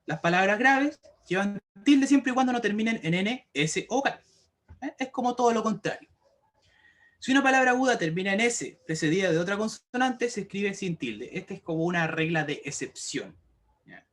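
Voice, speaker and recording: A man's voice: high voice, expressive, normal speed, a bit bright. A male teacher explaining grammar rules to an online class, patient and repetitive, often checking if students follow. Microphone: computer mic for an online class.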